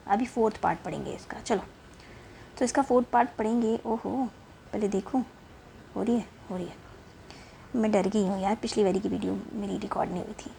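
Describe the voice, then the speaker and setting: A woman teacher, explaining a lesson in a casual way. She reads passages slowly and keeps checking with her listeners. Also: mid-range voice, vocal fry, warm tone, slight background noise. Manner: mixes English textbook reading with chatty explanation, often asking "ठीक है?".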